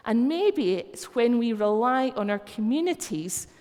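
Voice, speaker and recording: Preaching in a church hall, this Scottish woman keeps her sermon conversational and full of anecdotes. She speaks a little slowly in a fairly high, dark-toned voice that is very animated, and the room's long church reverb lingers on every phrase.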